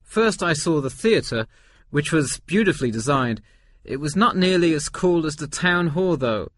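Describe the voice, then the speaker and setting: Here a slightly high-pitched, animated man talks at normal speed, sounding close to an everyday voice, with a little hiss or hum in the audio. As the survey respondent in a scripted listening-test exchange, he portrays a relaxed forty-one-year-old tourist who answers agreeably and explains himself.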